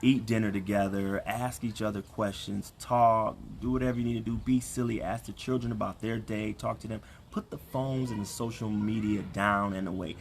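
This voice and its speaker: This co-host of a relationship ministry livestream speaks outdoors in a backyard, mixing casual chat with preacherly encouragement and repeating phrases to drive points home. He has a lowish, steady voice with vocal fry, moving at a moderate pace with few pauses. The outdoor recording picks up some background noise.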